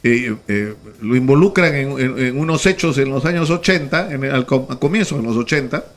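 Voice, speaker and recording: A man's voice: mid-range voice, lively intonation, normal speed. A man, a radio host who questions his guest in a conversational way with many restarts. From Peru. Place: radio studio.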